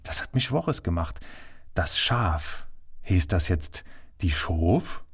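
A man's voice: low-pitched, big pitch swings, slow pace, slightly rough, heavily acted. A man voicing a dreamy middle-aged mother with a Saarland accent who muses and drifts off in thought. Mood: pondering. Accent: Saarland German.

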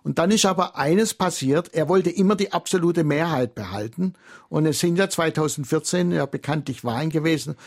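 A man with a raised, gravelly voice and a husky edge talks as an expert guest on a radio call-in. He explains at length in a measured, lecturing way. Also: a little high, darkish tone.

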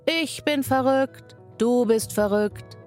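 A woman voicing a teasing, mad grinning cat, speaking high and drawn out in a sing-song way in a radio reading. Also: slow pace, darkish tone, soft background music.

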